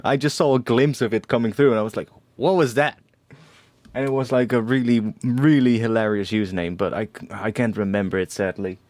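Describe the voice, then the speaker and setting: A young man hosts a casual livestream, talking in a loose, rambling way peppered with swearing and laughter. His voice sits on the low side. The sound is close and dry, with no room around it. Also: fairly even intonation, quick pace, hardly any pauses, darkish tone, no echo. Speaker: music producer streamer giving feedback.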